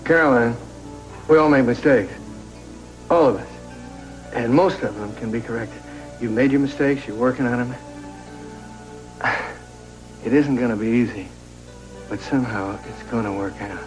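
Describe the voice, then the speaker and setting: An actor playing a kind man who gently reassures and cheers up a friend in a television soap opera. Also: mid-range voice, moderate pace, long pauses, close to an everyday voice, rough recording. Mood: reassuring. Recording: background music under dialogue.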